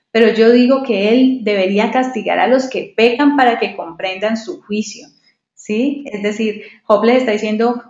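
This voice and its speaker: A woman's voice: fairly high pitch, darkish tone. A woman giving a devotional Bible study, reading verses and explaining them with many rhetorical questions. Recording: echoey, dull lo-fi recording.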